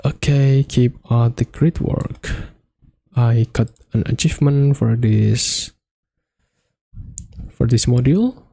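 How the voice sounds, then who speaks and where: An Indonesian man, a coding tutorial host, narrates a screen-recorded coding walkthrough in slow, gravelly speech. His mid-range voice has a dark tone with no echo, and his non-native phrasing, Indonesian being his first language, comes out halting and hesitant.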